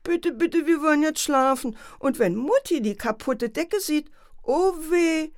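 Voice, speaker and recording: A woman voicing a timid four-year-old girl in a children's story, in a high, pleading, tearful voice. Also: lively intonation, unhurried, darkish tone, dry recording, studio quality.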